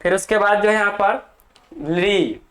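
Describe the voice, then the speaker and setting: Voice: medium pitch, a bit bright. A teacher giving a grammar lesson for exam students, dictating for notes, repeating key terms and often checking in with the class. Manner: slow, deliberate, dictating for notes.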